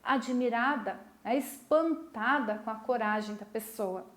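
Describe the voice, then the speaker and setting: A woman's voice: fairly high pitch, measured pace, echoey room. A woman teacher giving a recorded school lesson, explaining patiently and often checking with her students. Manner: explains patiently, keeps asking "né?" to check understanding.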